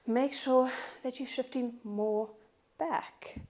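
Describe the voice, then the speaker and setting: A woman instructor coaches a Pilates strength session, counting down reps and cueing each inhale and exhale. Her voice sits a touch high and her delivery is unhurried. She sounds out of breath from working out alongside the class. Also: fairly even intonation, warm tone. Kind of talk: guided workout instruction.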